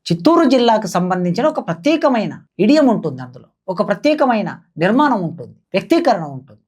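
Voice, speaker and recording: A woman's voice: mid-range voice, big pitch swings, fast talker, a little mellow, breathy edge. Woman declaiming rhetorical questions. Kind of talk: impassioned spoken commentary.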